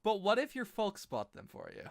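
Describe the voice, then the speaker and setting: A man's voice: high-pitched, wildly swooping pitch, fairly quick, gravelly. A young adult man hosting a casual podcast chat, laid-back, teasing and agreeing a lot. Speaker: host.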